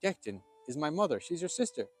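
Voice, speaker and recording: A man's voice: on the high side, very animated, fast talker, husky. A bold little Irish boy hero played by a male storyteller speaks up for himself. He is earnest and self-assured, in a spoken legend over faint music. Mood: self-justifying. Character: bold, cheeky six-year-old warrior boy.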